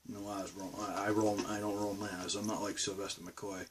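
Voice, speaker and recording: Talking fairly quickly in a lowish, level voice, a Massachusetts vlogger with a Boston accent wanders through a casual, rambling chat to camera from his bedroom studio. The mic is distant, and a little hiss or hum comes through.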